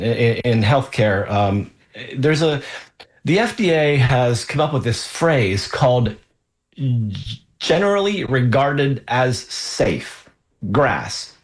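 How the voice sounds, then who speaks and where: A man hosting a health radio show as a doctor, talking off the cuff in a deliberate, halting way with emphatic pauses. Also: medium pitch. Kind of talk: unscripted health talk.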